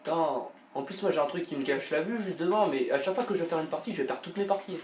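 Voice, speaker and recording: A man's voice: fairly high pitch, rapid-fire. A man, a raging, exasperated gamer complaining over his play in casual, sweary slang. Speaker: gamer commenting on own play. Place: echoey room, game controller in use. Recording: roomy, echoing, faint background noise.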